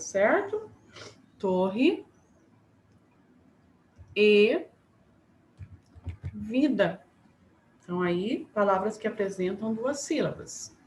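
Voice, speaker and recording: A woman teacher giving a remote class to young pupils, slow and patient, spelling words out syllable by syllable. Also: medium pitch, a little mellow. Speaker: primary school teacher. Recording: echoey room, faint background noise.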